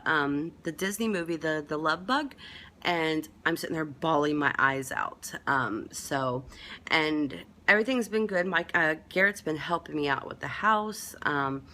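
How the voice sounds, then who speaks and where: A woman's voice: low voice, pushed and bright. A woman giving a casual, rambling update to camera, chatting with lots of fillers. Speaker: vlogger.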